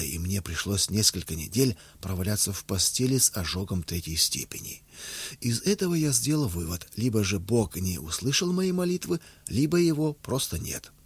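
A man reading a memoir aloud as an audiobook narrator, in a steady, measured way. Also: on the low side, slightly rough.

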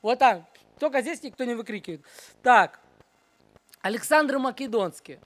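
A woman teaching at a children's church, running a brisk Bible quiz and then a short sermon, and she keeps hushing the noisy group. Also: a little high, expressive, no echo.

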